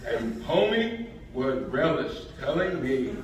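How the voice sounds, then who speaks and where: A man's voice: a little high, sing-song, slow, far from the mic, slight background noise. A man reading a laid-back male comic artist at a live script reading in an echoey convention hall. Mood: ranting.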